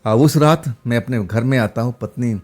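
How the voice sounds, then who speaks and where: A man's voice: mid-range voice, moderate pace, darkish tone, faint music behind. A man narrating a first-person horror story in a loose, rambling way, with fillers and restarts.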